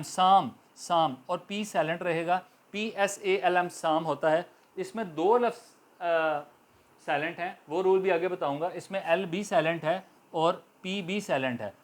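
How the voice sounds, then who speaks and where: Guy, urdu speaker, teaching english grammar, slow and patient, spells out letters and repeats words. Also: sits high. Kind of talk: spoken grammar lecture.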